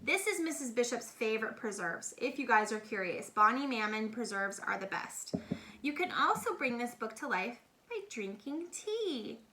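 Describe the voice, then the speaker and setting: Talking casually and enthusiastically to children, a middle-aged read-aloud host explains things in simple terms. Her slightly high voice is very animated at a moderate pace, and the homemade recording has a noisy background.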